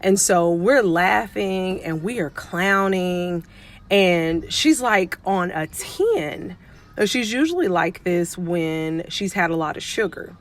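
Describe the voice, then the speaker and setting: On the low side and slow, her voice has lively intonation. This middle-aged woman, a pediatric nurse and life coach, tells a story to camera in a chatty, casual way, voicing what people said.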